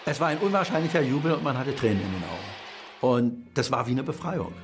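A man's voice: mid-range voice, expressive, fairly quick, soft background music. A man speaking as an eyewitness in an archival interview, reminiscing with feeling.

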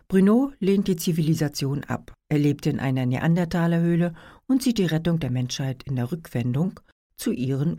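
A woman presenting books in a calm, informative, scripted narration. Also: deep voice. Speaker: book presenter. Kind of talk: scripted book review narration.

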